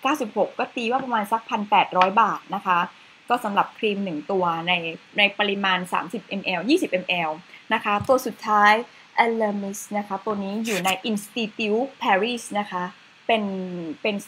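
A woman's voice: mid-range voice, normal speed, fairly bright tone, slight background noise, poor audio. A woman presenting a facial cleanser in a chatty, casual way with slides, adding polite particles to most phrases.

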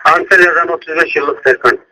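A man speaking haltingly in short, repeated radio-style phrases over a thin two-way radio or phone line. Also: a little high, crowd noise.

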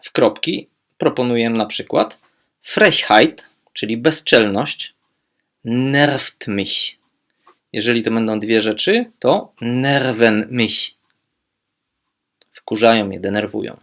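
A man teaching language, speaking German phrases slowly and clearly, then explaining them with quick asides. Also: mid-range voice, fairly bright tone. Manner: slow, modelling German phrases deliberately, quick asides in Polish.

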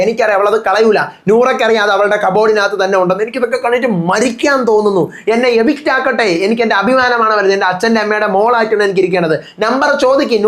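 A man's voice: high voice, fairly bright tone. A man with a Malayali accent, hosting a reality show review channel and giving insistent live-update commentary while retelling what contestants said. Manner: rapid, insistent, retells quotes.

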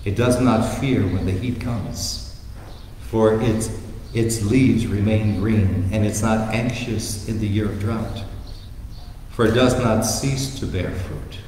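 A priest reading the gospel and preaching a sermon in a large church, telling stories and asking rhetorical questions. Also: male voice, on the low side, takes it slowly, darkish tone, slight background noise. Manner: storytelling, emphatic with rhetorical questions. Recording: echoey church hall with reverb.

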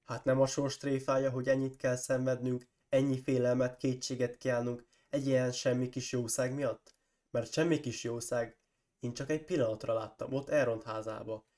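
A man with a cold, reading aloud and voicing a proud, forceful warrior lord who keeps pressing his case and breaks into loud accusations. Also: medium pitch, flat delivery, natural voice. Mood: urging. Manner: insistent, rising to loud accusing outbursts. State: hoarse from a cold.

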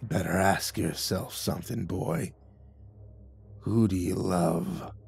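A man voicing the corpse of a dead older father, speaking slowly in a low, papery, threatening croon. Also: creaky, darkish tone, husky, exaggerated voice. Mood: menacing.

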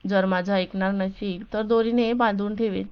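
A woman's voice: mid-range voice, steady tone, clear, resonant tone, lo-fi sound, close to an everyday voice. A woman voicing a sulky young bride-to-be. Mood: pouting. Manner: pouting, quick to scold.

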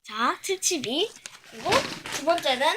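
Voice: high-pitched, lively intonation, unhurried, heavy background noise. A casual mukbang host with a child-like voice, chatting while opening and crunching chips. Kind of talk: casual snack-tasting mukbang vlog.

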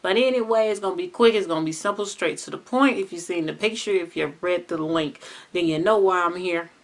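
A woman from the US South with a Southern accent, chatting casually and slangily in a taste-test vlog and growing excited as she reacts. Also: fairly low pitch, fairly quick. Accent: Southern American. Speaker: vlogger.

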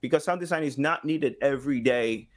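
Speaking at a medium pitch, a thirty-something podcast guest who works as a game studio's sound designer and community engagement director chats casually, pausing to find words and breaking into lively quoted asides. He's indoors in a small home studio, recorded on a boom-arm microphone.

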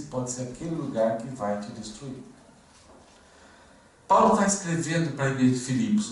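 A man, preaching an expository sermon in a casual, storytelling way with frequent fillers and restarts. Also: medium pitch. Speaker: pastor. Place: church hall. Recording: echoey room, distant mic, faint noise.

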